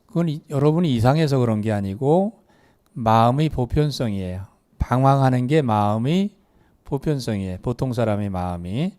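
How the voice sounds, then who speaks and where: A man's voice: mid-range voice, lively intonation, normal speed, dark tone. A man lecturing a live meditation class, asking the audience questions and leading them through exercises. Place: meditation hall.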